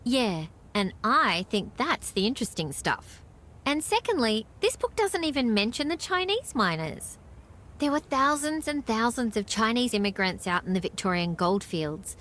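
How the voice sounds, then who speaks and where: An actress with an Australian accent voices a friendly, knowledgeable small-town woman in video game dialogue, chatty and explanatory. Her slightly high, a bit bright voice has a sing-song lilt at normal speed, with a friendly, earnest mood.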